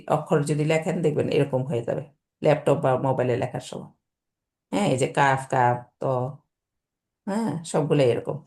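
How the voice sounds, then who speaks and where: A woman with a somewhat low voice teaches an online class, explaining step by step. She keeps asking her students if they follow, in a patient teacher's manner, heard through a video call. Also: darkish tone. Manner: explains patiently, often checks "okay?" with students. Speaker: Quran teacher.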